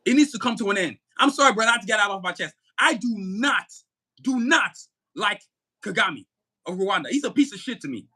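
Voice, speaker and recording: A male podcast co-host rants angrily about politics, cursing, emphatic, and shouting at times. His voice is high and expressive with a breathy edge, and he talks briskly.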